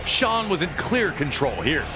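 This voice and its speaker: This wrestling commentator's voice sits on the high side and is very animated, though his pace is a little slow. He reads scripted, documentary-style sports narration as dramatic storytelling while loud music plays behind him.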